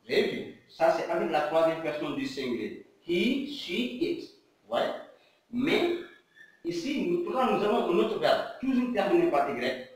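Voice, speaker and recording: Senegalese man, grammar teacher, unhurried and repetitive, slightly high voice, distant mic. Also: big pitch swings. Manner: slow, repetitive, rhetorical questions. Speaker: English teacher. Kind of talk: classroom grammar lesson. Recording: echoey room, mic at a distance.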